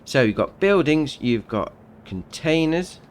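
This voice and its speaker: A man's voice: a little high, sing-song, a little slow, a little hiss or hum. A man chatting casually through a game mod review, upbeat and saying "very nice" often. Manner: chatty, upbeat, says "right, next up" and "very nice". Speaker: gaming channel host.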